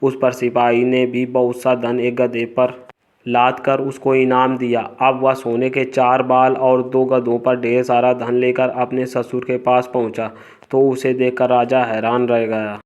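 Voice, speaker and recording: A man narrating a children's moral story in a scripted, even reading. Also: medium pitch, measured pace.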